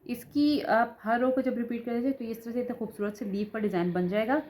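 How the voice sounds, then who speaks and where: A woman's voice: fairly high pitch, fairly even intonation, brisk, darkish tone. A woman giving a patient step-by-step knitting tutorial, talking through each stitch with a sore throat. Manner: patient, repeats "ठीक है" as she demonstrates. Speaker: knitting instructor.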